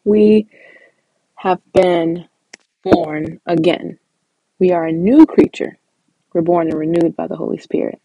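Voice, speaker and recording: A woman's voice: fairly low pitch, unhurried, pauses often, mellow, slight background noise, low-quality recording. A woman giving casual Bible teaching, talking conversationally with frequent fillers and repeated words.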